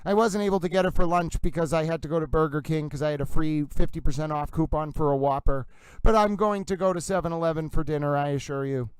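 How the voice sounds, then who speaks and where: A livestream host chats with viewers in a gushing, theatrical singsong, talking fast in a fairly high voice and sounding slightly breathless. His tone is clean with no room sound, though the audio quality is poor.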